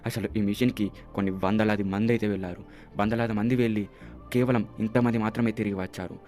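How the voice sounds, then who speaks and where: A man's voice: fairly low pitch, steady tone, fast talker, darkish tone, soft background music. A man telling an anime episode's story in a chatty way, acting out the characters' lines as he goes. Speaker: YouTube channel host. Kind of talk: casual anime episode recap.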